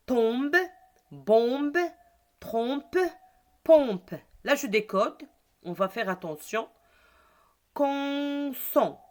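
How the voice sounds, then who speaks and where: Slow, deliberate woman teaching reading. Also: fairly high pitch. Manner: slow, deliberate, repeating words for pupils. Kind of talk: slow reading lesson for children.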